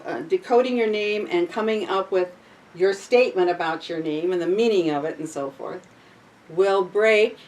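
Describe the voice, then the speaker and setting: A woman guides a small group through a sound-healing exercise, chanting drawn-out vowel sounds. She intones invocations to the directions and explains the steps casually, with fillers and restarts. Her voice sits in a middle range and is picked up from some distance away from the microphone. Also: mid-range voice. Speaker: workshop leader. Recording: voice from far off the mic.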